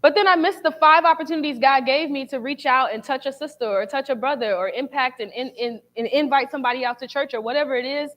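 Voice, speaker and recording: A woman's voice: a little high, a bit bright. A young woman speaking candidly and conversationally to a church congregation, sharing a personal testimony with casual slang.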